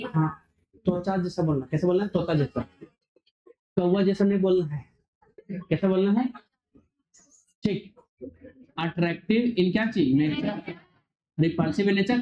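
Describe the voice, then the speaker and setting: A male physics teacher lecturing a classroom, firing quick questions and waiting for students to answer. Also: high voice. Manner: quizzing students, call-and-response. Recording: dull lo-fi recording.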